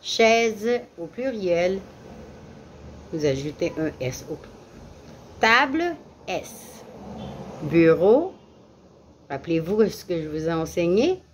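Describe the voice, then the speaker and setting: A woman teaching French vocabulary as a lesson, repeating each word deliberately and giving English glosses. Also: on the low side, big pitch swings, slight background noise. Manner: slow, deliberate repetition of words for learners. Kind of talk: classroom lesson.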